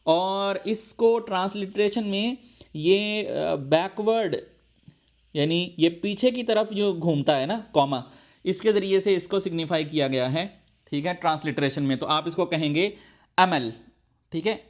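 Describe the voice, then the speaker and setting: A man teaching Arabic sounds in a recorded lesson, patiently demonstrating each sound and checking in with the learner. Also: high-pitched. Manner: slowly demonstrates sounds, repeating them aloud.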